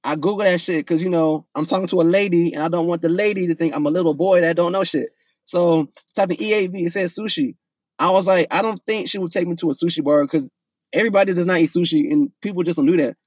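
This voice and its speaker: A young man telling a story in a casual, profane, animated way, full of restarts. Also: high voice, quick pace, husky, no room sound.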